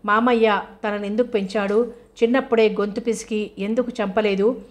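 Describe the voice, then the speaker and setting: A distressed young woman turns anxious questions over in her head in an audio novel, voiced by a woman narrator. The reading is flat and even. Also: mid-range voice, normal speed, lightly acted. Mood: despairing. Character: troubled young woman brooding inwardly.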